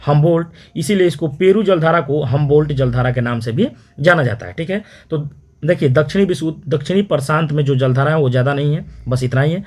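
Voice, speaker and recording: A man teaching an exam-prep geography lesson, repeating terms and quizzing listeners with quick questions. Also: fairly high pitch, a little mellow. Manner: repetitive question-and-answer drilling, frequent "theek hai".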